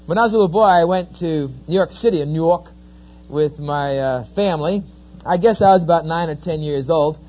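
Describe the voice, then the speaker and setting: Telling folksy, humorous stories in a sermon-style talk, this lively middle-aged New Jersey native speaks a little fast in a fairly high-pitched voice with his local accent. The recording is dull and lo-fi.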